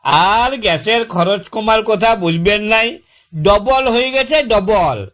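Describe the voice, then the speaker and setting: Taking it slowly in a high, fairly bright voice, the man keeps up his comic skit as the aggrieved husband from a West Bengal village. Exasperated, he rambles on the phone with folksy, repetitive complaints about the new fridge.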